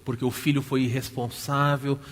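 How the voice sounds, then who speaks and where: A man with a Brazilian Portuguese accent preaching a sermon, telling a story with lively rhetorical questions to the congregation. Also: mid-range voice, normal speed. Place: church hall. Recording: church hall reverb.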